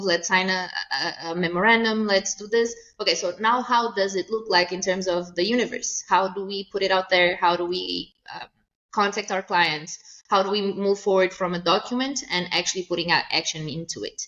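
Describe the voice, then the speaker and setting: A mid-pitched woman from Mozambique speaks as an agency head being interviewed. She is earnest and sometimes halting. The recording sounds a bit dull and lo-fi. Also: fairly even intonation, fairly bright tone. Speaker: agency CEO, guest. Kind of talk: conversational interview.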